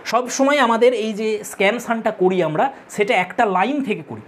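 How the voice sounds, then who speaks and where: A woman's voice: a little high, normal speed. A woman with a Bengali accent teaches a literature lesson for exam students, explaining step by step, counting aloud and repeating key terms.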